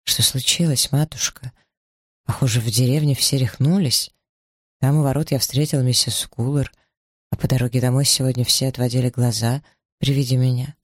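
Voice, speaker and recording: A man voicing a frightened, timid young man who speaks haltingly and pleads, in an audiobook. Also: mid-range voice, steady tone, no echo, studio quality, close to an everyday voice. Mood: pleading.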